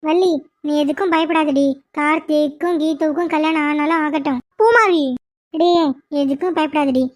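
A performer voicing a loyal, excitable young woman friend in a cartoon, brash and reassuring. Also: sits high, normal speed, natural voice. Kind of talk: cartoon voice acting.

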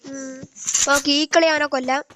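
A woman's voice: high-pitched, steady tone, moderate pace. A woman with a Malayali accent doing casual live gaming commentary, mixing Malayalam with English words and often addressing viewers as guys. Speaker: game live streamer. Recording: very noisy live stream with clicks.

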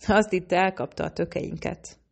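Woman narrator doing a joking young hacker, deep and gravelly, audiobook. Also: steady tone. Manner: joking, talks with mouth full. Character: wisecracking young man hacker.

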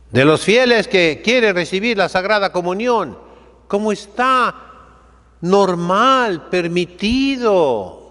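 An older man, a priest, preaching a seated sermon in a chapel, slow and emphatic, with sweeping rises and drops. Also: medium pitch, a bit bright, in a large hall. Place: chapel sanctuary, seated by the altar.

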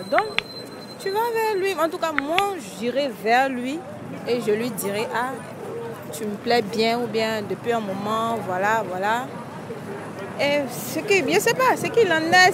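A young woman with a high, bright-pitched voice speaks into a handheld mic on a city street at night. She answers confidently and at length while street noise hums behind her. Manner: talkative, confident. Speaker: passer-by interviewee. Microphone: interviewer's handheld microphone.

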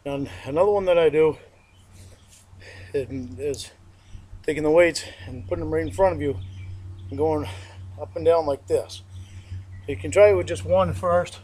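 Pausing often, a middle-aged home fitness instructor speaks at a moderate pace in a fairly high, husky, darkish voice. He demonstrates exercises on a backyard lawn, sniffling with allergies, talking plainly, repeating himself and counting reps. A distant camera mic captures the session.

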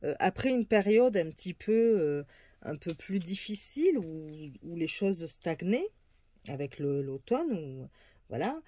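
A woman's voice: fairly low pitch, big pitch swings, measured pace, dark tone, no room sound. A woman casually presenting an oracle card reading, hesitant, with many fillers and restarts. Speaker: tarot and oracle card reader.

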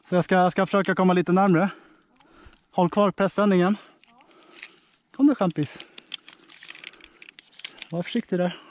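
Brief: tired male climber, slightly high voice, narrating a vlog up a tree outdoors, coaxing a stuck cat with soft, patient calls. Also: level tone.

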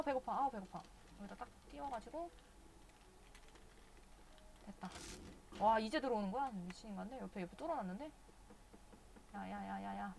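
A woman streams a video game live, chatting casually and cursing at the characters out of exasperation. Her mid-range voice has vocal fry and is a little mellow, with slight background noise.

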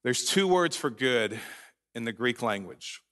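Man, pastor, sermon, bright tone, earnest, emphatic, slows for scripture. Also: medium pitch, expressive. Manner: earnest, emphatic preaching with slowed scripture reading. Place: church sanctuary.

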